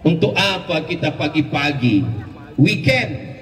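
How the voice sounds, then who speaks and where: A man preaching at a large outdoor rally, shouting rhetorical questions and leading the crowd in call-and-response. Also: fairly high pitch, expressive, takes it slowly. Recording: echoey public address heard from far off.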